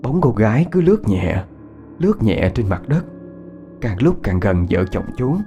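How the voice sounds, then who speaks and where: A man, narrating a ghost story in a measured, unhurried way. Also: on the low side, sing-song, highs cut off. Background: faint instrumental music.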